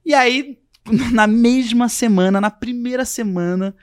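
Unhurried and very high-voiced, a young man appearing as a podcast guest tells a casual story with animation, impersonating the people he quotes.

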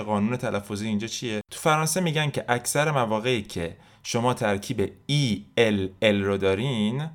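Male language teacher, somewhat low voice; brisk explanations, drills examples slowly for repetition. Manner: quick explanations, then slow, carefully spaced example phrases; asks listeners to repeat after him. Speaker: French teacher. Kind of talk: recorded language lesson.

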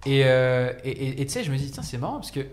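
Fast-talking, rambling man in a roomy echo. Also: medium pitch, lively intonation, darkish tone. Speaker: guest, company founder. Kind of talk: casual podcast chat.

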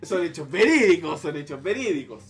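High-voiced Chilean man telling a crude story. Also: a little fast. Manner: crude, laughing, animated retelling. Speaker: podcast host. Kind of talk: casual joking storytelling.

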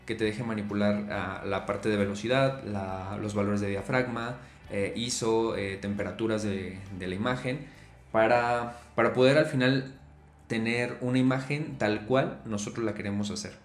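A podcast host with a fairly low-pitched voice talks at normal speed on his casual solo show, rambling loosely with lots of fillers and repeated words. The room is echoey, and faint music plays.

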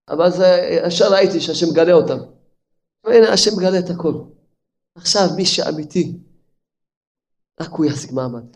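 A man, an older rabbi, delivering an impassioned sermon, his voice leaping up in sudden outbursts and falling to low, quiet asides. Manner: impassioned, with sudden pitch leaps and drops to near murmur.

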